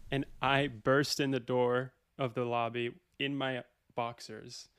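A young man, a podcast guest, telling a story in casual chat, animated and laughing often. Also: medium pitch, slow, clean tone, no room sound, clean studio sound.

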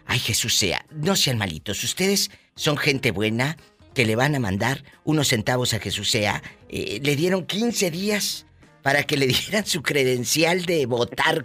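A man's voice: mid-range voice, a bit bright. A man with a Mexican accent hosting live casual talk, dramatic, exclamatory and sympathetic. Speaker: radio and podcast host.

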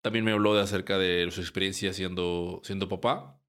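Young man, podcast host, fairly low voice, relaxed rambling talk. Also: brisk. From Mexico. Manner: relaxed, rambling with frequent restarts and short laughs. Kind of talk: casual podcast intro and interview.

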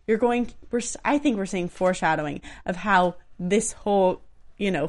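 A woman guest on a studio panel chat, modest, giggly and chatty. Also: medium pitch.

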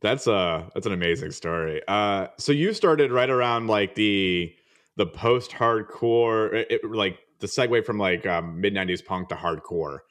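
A man's voice: lowish voice, measured pace, fairly bright tone. A man hosting a podcast, asking loose, searching questions with plenty of fillers. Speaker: podcast host. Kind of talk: casual interview.

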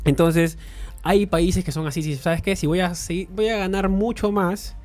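A man talking casually on a podcast, explaining things in a lively way with many fillers and restarts, with faint music under his voice. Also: sits high, normal speed. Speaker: guest.

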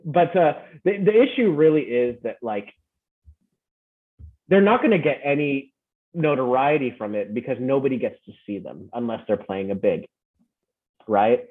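The guest, a fan club founder who grew up in the Philippines and the United States, rambles in casual interview chat and keeps tacking on "right?". His mid-range voice is animated at normal speed with long pauses, on a tinny phone-like line.

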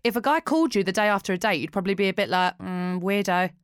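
A woman's voice: mid-range voice, expressive, very fast, dry recording, clean studio sound. A woman co-hosting a casual chat, offering opinions in a wry, informal way. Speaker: podcast co-host. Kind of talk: casual chatty discussion.

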